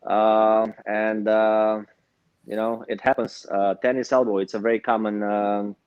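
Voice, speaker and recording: A man's voice: lowish voice, flat delivery, unhurried, clean tone, no echo. A man in his thirties from Romania with a Romanian accent, a guest in a casual interview, speaking hesitantly with many fillers. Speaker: guest, pickleball pro. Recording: dull, dry lo-fi sound.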